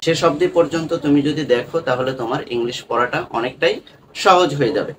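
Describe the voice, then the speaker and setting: A man's voice: a little high, quick pace, slight background noise. A man teaching English reading and spelling in an online lesson, breaking words into syllables and repeating them.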